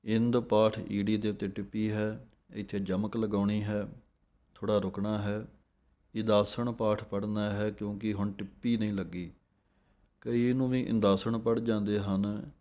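A man teaching scripture recitation, chanting verses slowly and drawn out, then explaining how each word should be pronounced. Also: lowish voice, warm tone. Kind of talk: slow recitation lesson with pronunciation notes.

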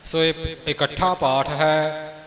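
A man's voice: on the high side, fairly even intonation, a crowd in the background. A man teaching recitation, chanting a line and explaining how to pronounce it. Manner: demonstrates a chanted line, then explains in quick speech. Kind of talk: pronunciation lesson. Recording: reverberant hall.

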